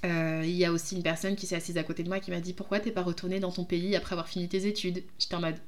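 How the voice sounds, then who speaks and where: A French woman, a jurist, hosts her own podcast and speaks in a casual, reflective monologue. Her voice is slightly low for a woman and her tone stays level. She is hesitant, often pausing while she gathers her thoughts.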